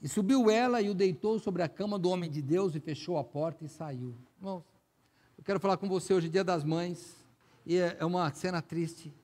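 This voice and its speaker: A man's voice: high voice, normal speed, a little mellow. A man with a Brazilian Portuguese accent, a pastor preaching a sermon in a conversational way, often speaking straight to the congregation. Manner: conversational preaching, frequent direct address to the congregation.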